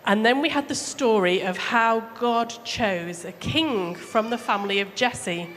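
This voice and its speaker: Her voice is fairly high and fairly bright, and she speaks at a measured pace while telling children a story in a church hall mid-service. She chats, keeps her language simple, and asks the young listeners questions. Echo and background noise fill the room.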